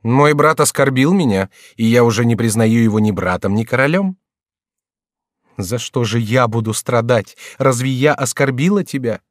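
A man's voice: medium pitch, moderate pace, dry recording, clean studio sound, pitched above the performer's own voice, close to an everyday voice. Man voicing a resentful young prince. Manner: resentful, guarded replies. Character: wary young prince, sulky and suspicious.

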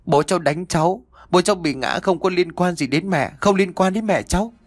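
A man's voice: high voice, fairly quick, no room sound, voice pushed up. A man voicing a terrified young boy who cries and pleads in a horror story. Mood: desperate. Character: frightened young boy, sobbing and desperate.

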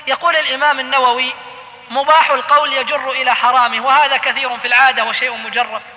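A man preaching a sermon, admonishing and telling cautionary stories with passion. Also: very high voice. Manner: impassioned, admonishing storytelling. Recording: lo-fi recording in a reverberant hall.

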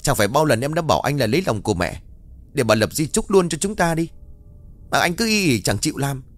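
A man's voice: medium pitch, sing-song, pitched above the performer's own voice. A man voicing a greedy young wife who nags her husband in a raised, reproachful voice. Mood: scolding. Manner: nagging, reproachful, fast and raised.

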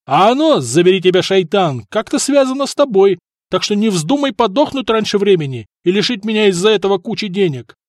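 Brash male sea-raider read by a man: loud, gleeful, high-pitched, dry close audiobook sound. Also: sing-song, normal speed, no room sound. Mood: scolding. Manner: loud, gleeful, mocking banter.

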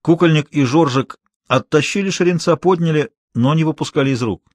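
A man narrating an audiobook in an expressive, dramatic storytelling manner. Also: a little high, fairly quick, no echo, studio quality.

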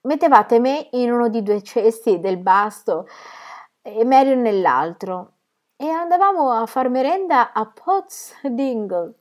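A woman's voice: on the high side, very animated, slow pace, voice pushed up. Woman reading as Laura, earnest spinster aunt. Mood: eager.

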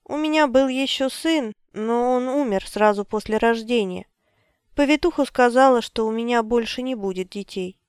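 A desperate young mother begs in a raised, tearful voice, as a woman reader puts her on. The tone is smooth and clean. The read is dry and close, with no room around it. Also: normal speed, dry recording, lightly acted. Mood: sobbing. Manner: high, pleading, close to tears.

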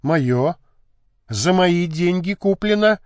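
A man's voice: sits high, animated, takes it slowly, darkish tone, smooth, no echo. A man voicing an indignant, defiant young woman in an audiobook.

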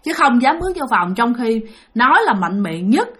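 A woman's voice: on the high side, big pitch swings, normal speed, pushed and bright. A woman with a Southern Vietnamese accent narrating a ghost story, chatty and talking straight to her listeners. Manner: chatty, addresses listeners directly.

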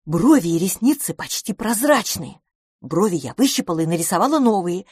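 A woman reading the part of a confident, boastful beauty salon owner in an audiobook, speaking briskly and emphatically. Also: mid-range voice, expressive, a little mellow, slightly rough, no echo, clean studio sound.

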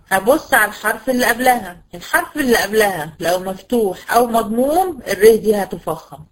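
A Quran recitation teacher with an Egyptian Arabic accent gives a tajweed lesson, asking questions and answering them herself while drilling sounds slowly and patiently. Her voice is medium in pitch, and the audio quality is poor.

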